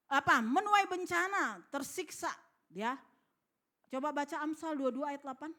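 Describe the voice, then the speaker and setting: A woman's voice: high-pitched, normal speed, bright, forceful tone. A middle-aged woman pastor, preaching a sermon. She tells stories, acts out the voices in them and asks the congregation for responses. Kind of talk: sermon with storytelling. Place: church hall.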